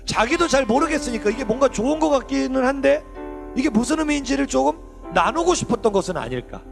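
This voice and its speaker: A young man, a youth pastor, preaching a lively sermon to teenagers in a church hall, asking them questions and acting out quotes. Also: very high-pitched, fast, gravelly, music in the background. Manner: animated, asks the kids questions and acts out quotes.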